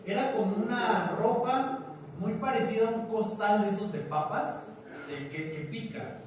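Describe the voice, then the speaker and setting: A man's voice: high voice, a little slow, a little mellow, a little hiss or hum. A man with a Mexican accent preaching a sermon as pastor, talking conversationally, joking and asking the congregation questions. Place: church hall. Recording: echoey church recorded from a distance.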